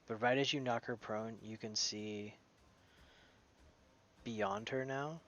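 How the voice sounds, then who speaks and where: A man's voice: on the low side, fairly even intonation, slow, a bit bright, dull audio, a little hiss or hum. A man narrating as game master in a tabletop game, casual, swearing now and then, restarting his phrases as he goes.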